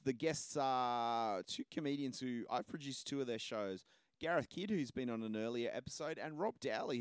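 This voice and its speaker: A man's voice: medium pitch, clear, resonant tone, no room sound. Rambling male podcast host. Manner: self-deprecating, rambling. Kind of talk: casual rambling podcast talk.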